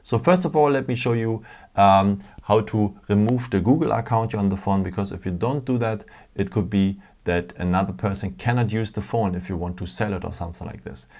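A man's voice: on the low side, brisk, darkish tone. A man hosting a casual step-by-step phone tutorial, patient, with frequent fillers and non-native phrasing, recorded indoors at a table. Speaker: tech tutorial host.

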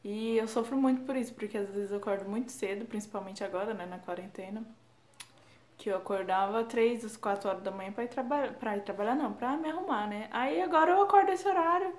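A woman's voice: mid-range voice, darkish tone. Chatty young woman vlogger, echoey room. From Brazil. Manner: chatty, self-deprecating, quick asides. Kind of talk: casual chat. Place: home.

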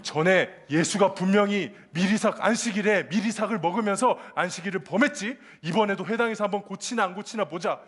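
High-voiced man preaching to children. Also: brisk, few pauses, breathy edge. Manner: lively, asks children questions, acts out quotes. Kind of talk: children's sermon. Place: church children's service.

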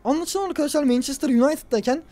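A young man commentating his own football video game play, talking to himself and the players and yelling at big moments. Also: very high-pitched, very fast. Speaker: gaming YouTuber.

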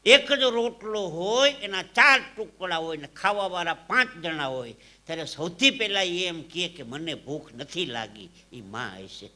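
A man from Saurashtra, telling comic stories live on stage into a microphone. His delivery swings from hushed asides to loud punchlines. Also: high voice, animated, a little slow. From Saurashtra, Gujarat. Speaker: stage comedian and storyteller. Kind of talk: live folk comedy storytelling.

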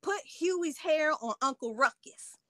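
A woman's voice: sits high, animated, unhurried, fairly bright tone, no room sound. A middle-aged woman hosting a casual livestream, playfully teasing and talking straight to her viewers. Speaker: livestream host.

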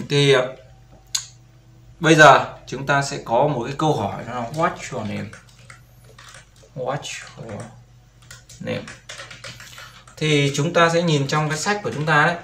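A man's voice: on the high side, normal speed, vocal fry, bright, forceful tone. Guy teaching beginner english, says everything twice, roomy echo, bit of hiss behind. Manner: patient, repeats words and asks "right?". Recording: roomy echo with faint background noise.

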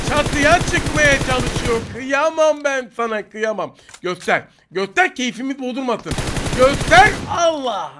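Brief: young Turkish male gamer, very high bright voice, teasing play-by-play, faint game gunfire behind. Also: a little hiss or hum. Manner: joking, teasing opponents, excitable outbursts. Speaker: gaming YouTuber. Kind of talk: live gameplay commentary.

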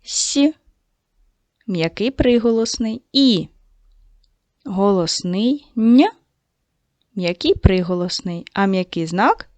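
A woman teacher giving a video lesson to second graders, speaking slowly and patiently and addressing the children directly. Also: mid-range voice, lively intonation, a little mellow, dry recording. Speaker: primary school teacher.

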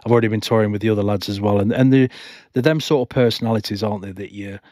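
A man's voice: lowish voice, racing, a little mellow, dry recording, clean studio sound. A man vlogging about motorcycling from home, answering viewer questions in a nervous, rambling way with many restarts. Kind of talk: casual talk to camera, reading viewer questions. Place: home, not a studio. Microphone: home microphone.

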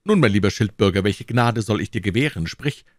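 A man reading aloud and voicing an impatient, amused king who speaks briskly and commandingly. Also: lowish voice, animated, no room sound, studio quality, close to an everyday voice.

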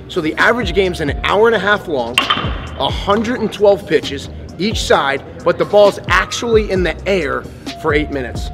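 A man in his thirties coaching baseball at an indoor training facility, excitedly calling the action as players hit. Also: high-pitched. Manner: excitable, exclaims at each hit. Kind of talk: on-field coaching demo with play-by-play. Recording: music playing underneath.

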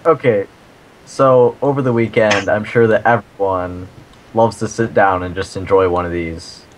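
A man with a lowish voice chats during an online drawing game. He has a dry, mock-formal way of speaking. He is picked up by a built-in laptop microphone. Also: steady tone, moderate pace, a little hiss or hum, rough recording. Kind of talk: casual chat while playing an online drawing game.

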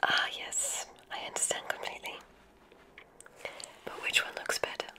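In an ASMR roleplay, a woman plays a kindly witch examiner, whispering breathily at a moderate pace. She sounds soft and gently reassuring.

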